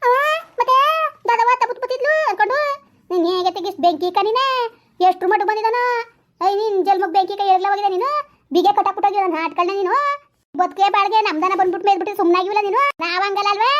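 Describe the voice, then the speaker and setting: A woman playing a furious village elder aunt in a comedy skit, cursing and scolding without pause. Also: steady tone. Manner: shrill nonstop scolding and cursing.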